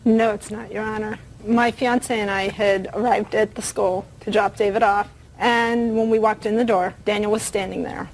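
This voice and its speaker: A woman's voice: mid-range voice, fairly even intonation, normal speed, slight background noise, poor audio. A woman plaintiff giving formal, composed testimony in a courtroom.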